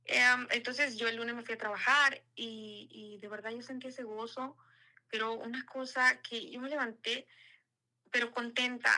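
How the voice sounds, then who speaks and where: Woman, earnest testimony, very bright tone, fairly high voice. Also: vocal fry, rough recording. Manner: earnest, repeats words for emphasis. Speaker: guest giving a testimony. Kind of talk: casual spoken testimony.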